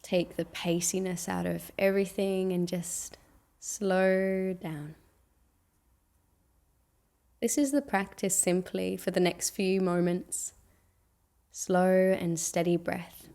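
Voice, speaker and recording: In a gravelly yet mellow and relaxed voice, a woman guides a meditation. Her pitch is slightly low and very steady, and she speaks softly and soothingly, pausing at length between phrases.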